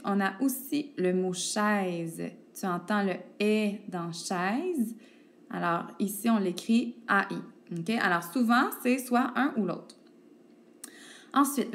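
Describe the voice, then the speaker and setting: A woman speaks at a medium pitch as she teaches young pupils letter sounds. Her pace is patient and unhurried. She spells words out letter by letter and pauses to check in with the children. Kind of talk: recorded phonics lesson for young pupils. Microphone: tablet microphone.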